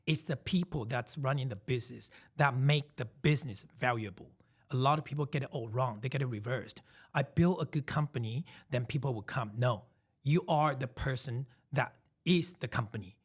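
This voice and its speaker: A man's voice: medium pitch, normal speed, husky. A man in his thirties, originally from Taiwan, co-hosting a casual podcast chat and telling emphatic, reflective stories with frequent restarts. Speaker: podcast co-host.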